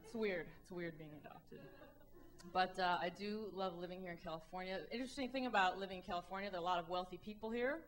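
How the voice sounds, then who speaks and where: On an indoor comedy club stage, a stand-up comedian from the Midwest, a woman in her thirties, performs with a handheld mic. Her voice sits on the low side and moves at a quick pace. Her set is wry and animated, and she slips into the voices of the people she's quoting.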